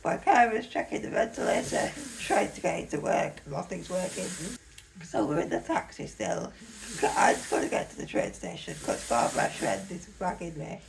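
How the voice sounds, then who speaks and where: Gravelly young woman telling a story. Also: on the low side, moderate pace, background noise. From Leeds, England. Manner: animated, chatty storytelling full of "like". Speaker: vlogger. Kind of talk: casual storytime.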